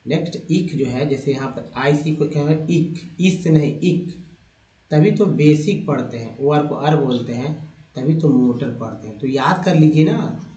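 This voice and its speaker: A man's voice: a little high, warm tone, distant mic. Man teaching phonics in a roomy echo. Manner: explains spelling patterns slowly, repeating words. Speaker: English teacher. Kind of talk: phonics lesson. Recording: dull roomy sound from off-mic.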